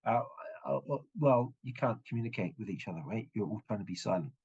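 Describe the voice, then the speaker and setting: Brief: low, husky man as game master, halting narration, dull-sounding audio. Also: lively intonation, a little mellow. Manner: halting, full of fillers and restarts. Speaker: dungeon master.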